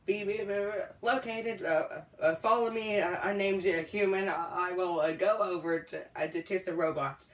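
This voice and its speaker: A woman's voice: lowish voice, moderate pace, few pauses, echoey room, recorded from a distance, close to an everyday voice. A woman voicing a literal-minded cube robot in choppy, stammering phrases. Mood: stilted.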